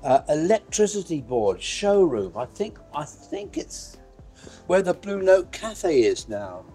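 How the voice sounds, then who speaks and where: Animated older man, high-pitched. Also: slow pace, husky, faint music behind. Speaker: town crier giving an interview. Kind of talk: casual walking chat. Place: outdoors on a town high street.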